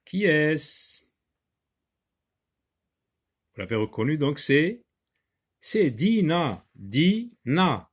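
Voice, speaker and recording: Here a male teacher gives a reading lesson, pronouncing syllables slowly and repeating words with emphasis. His pitch is fairly high, swinging widely, and carries a breathy edge.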